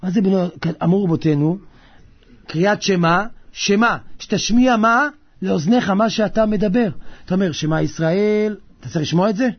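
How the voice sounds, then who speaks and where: A man giving a religious sermon, animated and full of comic storytelling, acting out the people in his stories as he preaches. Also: high-pitched. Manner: animated, acts out quoted characters, shifts between loud and hushed. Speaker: rabbi. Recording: muffled lo-fi recording.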